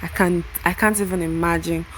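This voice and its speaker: A woman's voice: lowish voice, steady tone, fairly quick, fairly bright tone, a little hiss or hum, rough recording. A young woman casually recapping a web series episode, talking straight to the characters. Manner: chatty, emotional asides to the characters.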